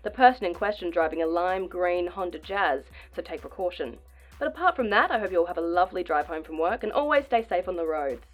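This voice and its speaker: A woman's voice: lowish voice, expressive, a little fast, soft background music, lightly acted. An Australian woman playing a relentlessly professional traffic reporter in a radio comedy sketch. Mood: chirpy. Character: cheerfully professional female traffic reporter carrying on through disaster.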